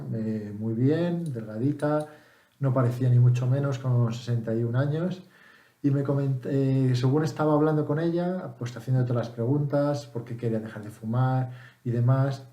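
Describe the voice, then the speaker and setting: A man from Spain explains things to his viewers in a relaxed, unhurried way, pausing on fillers and rephrasing as he goes. His voice sounds soft and mellow. The sound bounces around a room with a noticeable echo. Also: mid-range voice. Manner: relaxed, thinking aloud with many fillers and restarts. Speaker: English teacher. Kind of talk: casual spoken lesson.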